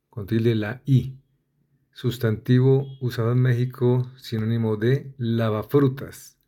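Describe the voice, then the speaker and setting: A man slowly reads dictionary entries, one short word after another. He takes his time and spells out how each word ends. His voice sits at an ordinary middle pitch. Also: warm tone. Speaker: dictionary reader. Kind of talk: reading dictionary entries aloud.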